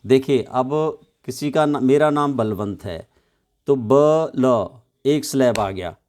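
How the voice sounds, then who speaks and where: A man's voice: mid-range voice, measured pace, darkish tone. A man teaching children English in Hindi, spelling out words letter by letter and explaining each one patiently with frequent check questions.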